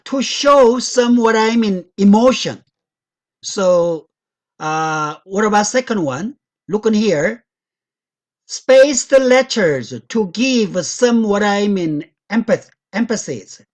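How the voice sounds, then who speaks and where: A woman giving a guest lecture, walking through slides in non-native English with loose grammar and frequent check-in questions to the audience. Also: a little high.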